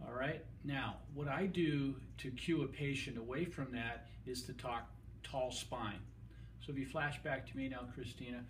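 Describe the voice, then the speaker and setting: A middle-aged man with a mid-range voice explains a demonstration lesson in his clinic room. He talks the camera operator through each step. He is picked up by a camera mic a few feet away, with a faint background hum. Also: medium pitch.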